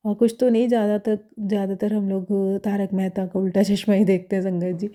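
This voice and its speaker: A young woman speaks casually about her devotional experiences. Her delivery is hesitant and full of fillers and pauses. Her voice stays level and flat, with a dark, mellow tone. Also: mid-range voice. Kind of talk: casual testimonial talk.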